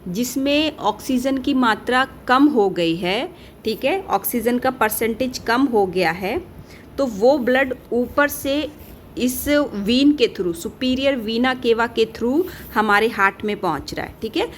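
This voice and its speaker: A woman from India teaching a casual lecture, talking quickly and checking in with her students after almost every point. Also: on the high side, a little hiss or hum. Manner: talks fast, with a rhythm that speeds up as she teaches; keeps asking and answering her own questions, peppered with "theek hai" checks. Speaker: pharmacy tutor.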